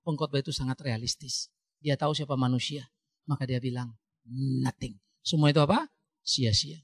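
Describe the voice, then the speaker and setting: A male pastor preaching a sermon in an animated, emphatic way, with sudden rises for emphasis. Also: medium pitch, moderate pace, breathy edge, dry recording, studio quality.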